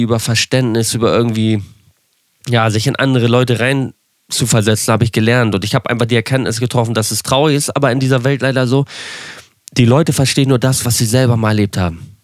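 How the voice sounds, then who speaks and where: Young male podcaster, dry close sound, rambling candid storytelling, mid-pitched voice. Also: fast talker, dry recording. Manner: rambling, self-correcting, candid with wry asides. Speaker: podcast host.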